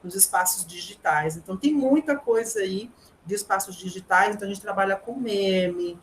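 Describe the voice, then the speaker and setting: Slight background noise sits under this medium-pitched, moderately paced voice. She is a middle-aged language teacher, Brazilian Portuguese accented, sincerely explaining things in an interview with many tag questions and minor restarts.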